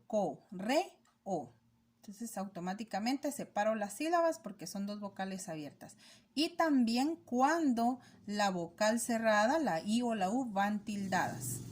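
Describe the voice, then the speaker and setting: A woman teacher giving a recorded lesson, explaining step by step and often checking understanding with quick rhetorical questions. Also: mid-range voice, big pitch swings.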